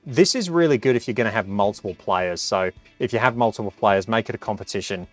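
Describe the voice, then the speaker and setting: A man's voice: fairly low pitch, animated, fast, faint music behind. A man giving a casual hands-on review, chatting and reacting aloud as he plays. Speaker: product reviewer.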